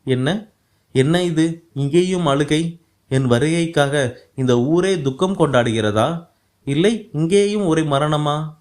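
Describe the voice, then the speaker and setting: A man's voice: on the high side, takes it slowly, long pauses, darkish tone. A man voicing a sensitive, poetic young man who speaks in a lofty, declamatory way, read in an audiobook. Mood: bewildered.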